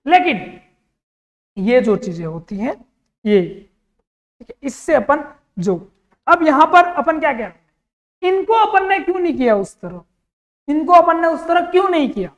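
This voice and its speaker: A high-voiced man teaches an exam-prep grammar lesson. He keeps asking the class questions and answering them himself. His voice rings out with a long reverb, as if in a hall. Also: very animated, normal speed, pauses often, dull audio.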